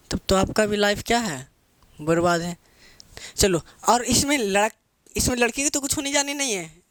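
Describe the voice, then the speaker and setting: A man's voice: high-pitched, dry recording. Playful teacher man calling students babu. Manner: asks questions and answers himself, calls viewers babu. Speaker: English grammar teacher.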